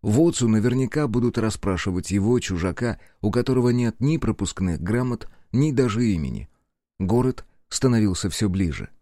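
A male narrator reads an audiobook with measured, even storytelling. His voice sits on the low side, and the recording is close and dry. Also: no room sound. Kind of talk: scripted narration.

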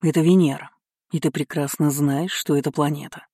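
A sardonic young marquis, as an audiobook reader puts him on, speaking with dry, mocking humor. The tone is warm and mellow, recorded close and dry. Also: mid-range voice, fairly even intonation, a little fast, no echo, lightly acted. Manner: wry, mocking. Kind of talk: audiobook character reading.

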